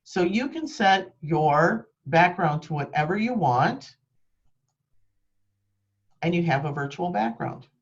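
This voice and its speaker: A woman's voice: on the low side, expressive, slow pace, pauses often. Lady trainer on a video call, chatty and practical, bit muffled webcam sound. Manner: practical, conversational, with frequent ums. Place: home office with green screen. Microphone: webcam microphone.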